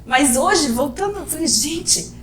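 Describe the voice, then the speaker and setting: A Brazilian woman with a high, bright-pitched voice tells a personal story on a casual podcast. She is animated and slips into the voices of the people she quotes. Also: a little slow.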